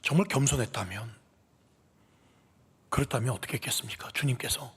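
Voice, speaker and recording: A man's voice: mid-range voice, brisk, a bit bright, husky. A man preaching a sermon as pastor, asking the congregation rhetorical questions and dropping into whispers before rising again for emphasis. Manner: dramatic, drops to whispers then rises for emphasis; asks the listeners many rhetorical questions. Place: church sanctuary. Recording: long hall reverb.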